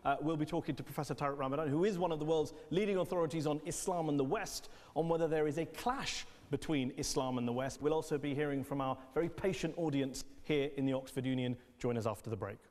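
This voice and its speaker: A man hosting an interview in a debating hall, pressing his guests with rapid questions. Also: fairly high pitch, a little mellow. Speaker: host. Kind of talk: adversarial studio interview. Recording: long hall reverb.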